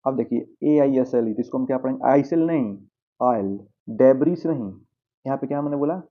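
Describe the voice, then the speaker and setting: A man's voice: medium pitch, fast talker. A man teaching English pronunciation over slides, patiently asking the viewer questions and answering them himself. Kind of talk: slide-based pronunciation lesson. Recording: tinny phone-like sound.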